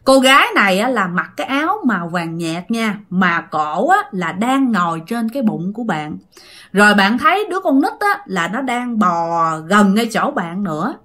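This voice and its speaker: Woman storyteller, Southern Vietnamese accent, bright and animated, dramatic and chatty with listeners. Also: medium pitch, moderate pace. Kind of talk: casual ghost story telling.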